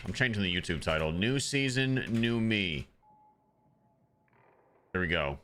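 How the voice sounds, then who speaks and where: Bright-voiced man rambling on a livestream. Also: lowish voice, expressive, measured pace. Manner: rambling, loose, with many ums. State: has the hiccups. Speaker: streamer. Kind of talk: casual livestream chat.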